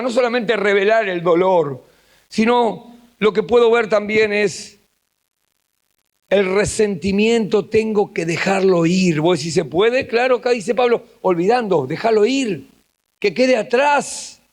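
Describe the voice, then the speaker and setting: An Argentine man delivers a sermon in a high voice. He drops into quiet, intimate passages, then lifts into raised, emphatic points. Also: measured pace. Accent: Argentine Spanish. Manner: swings between hushed intimate passages and raised emphatic ones. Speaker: pastor. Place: church camp gathering.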